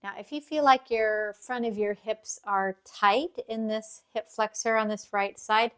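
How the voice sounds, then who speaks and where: A woman teaching yoga as a calm guided grounding exercise, gently and encouragingly instructing. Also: medium pitch, measured pace, clean tone.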